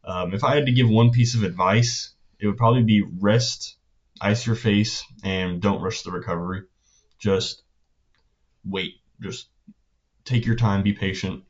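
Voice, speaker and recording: A teenage vlogger of about 16 casually recaps his day in a fairly low, steady voice. He speaks hesitantly and haltingly, letting phrases trail off, and the sound is a bit dull and lo-fi.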